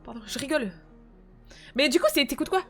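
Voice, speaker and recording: A woman's voice: sits high, fairly quick, a bit bright, faint music behind. A young woman streaming from home, chatting casually in slangy banter and reading her chat aloud.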